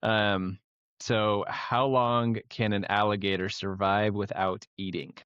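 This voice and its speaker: A man's voice: on the low side, flat delivery, takes it slowly, fairly bright tone, clear, resonant tone, dry recording, lo-fi sound. A young man hosting a casual podcast chat, running a trivia quiz and laughing often. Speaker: podcast host.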